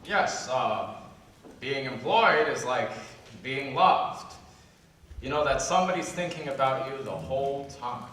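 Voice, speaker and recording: An actor playing a dry, wisecracking servant who is cynical about employers, in a live stage play. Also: male voice, mid-range voice, animated, unhurried, a bit bright, slight background noise. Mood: wry. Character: wry sardonic male servant, cynical about bosses. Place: theater stage. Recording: echoey hall, taped from far off.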